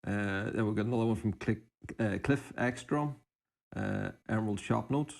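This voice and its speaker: A podcast co-host reads out listener suggestions and tosses in brief, informal remarks during casual, unscripted chat. He speaks at normal speed in a voice on the low side, with a creaky quality.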